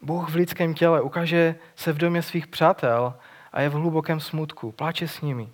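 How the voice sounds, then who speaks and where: A preacher with a slightly high voice retells a gospel story in an earnest, conversational sermon. His intonation stays fairly even, and he often restarts phrases and slips in small fillers.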